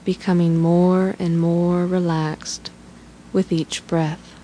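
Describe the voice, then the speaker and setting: A woman leads a guided relaxation in a soothing, instructional manner. Her voice sits a little low and moves at a very unhurried pace. A faint hiss lies under the recording. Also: flat delivery, dark tone, rough recording.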